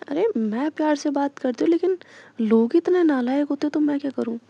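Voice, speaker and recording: A woman voicing a bossy, quick-tempered young woman who speaks bluntly and teasingly to her love, in a dull lo-fi recording. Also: sits high, creaky, warm tone, dry recording. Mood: teasing, defensive.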